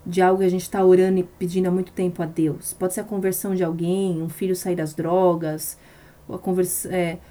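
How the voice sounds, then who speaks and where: Impassioned woman preacher, mellow voice. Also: on the low side, flat delivery, brisk. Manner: impassioned, emphatic, repeats phrases for stress. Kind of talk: sermon on a live stream.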